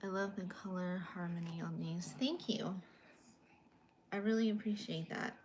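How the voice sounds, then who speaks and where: Chatting casually on a bedroom livestream, a young woman from California shows off her paintings and responds to comments from viewers. Soft-spoken and slightly awkward, she talks at a moderate pace in a fairly low voice. There's a bit of background noise.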